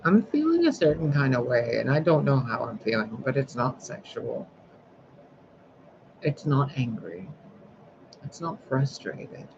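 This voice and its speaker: A man rambles through a casual vlog monologue, swearing freely and venting in a loose, conversational way. His voice sits at an ordinary pitch for a man. The recording is dull and lo-fi, with a clear hum of background noise behind him. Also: big pitch swings, measured pace, pauses often. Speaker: spiritual sign reader.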